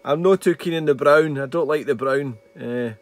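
This hobbyist, whose voice is fairly high and whose pace is normal, shows off radio gear in loose, slightly hesitant unscripted chatter. He's at a small indoor radio desk, and heavy CB static and hiss fill the very noisy recording.

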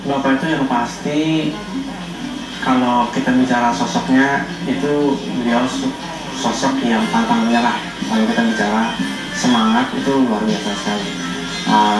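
A man's voice: medium pitch, steady tone, moderate pace, very echoey, over loud music, rough recording. A man in his forties giving an earnest interview outdoors in a home garden.

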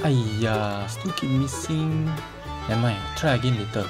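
A man's voice: mid-range voice, unhurried, over music. A man in his twenties with a Singaporean accent, chatting casually to himself in Singlish with lots of exclamations, as in a gaming vlog. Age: 20s. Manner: exclamatory, talking to himself with colloquial particles. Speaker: vlogger. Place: small bedroom, indoors.

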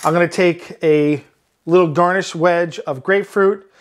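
A male chef with a Long Island accent hosts a cooking demonstration in a high-pitched, unhurried voice against background noise. He's relaxed and often closes his points with "right?"

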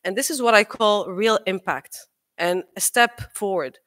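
Speaking from the podium of a large auditorium stage, this young Moroccan engineer delivers a persuasive, earnest conference talk full of ums and uhs. The pitch is medium, the pace a little slow, and the tone pushed and bright, captured through a podium microphone.

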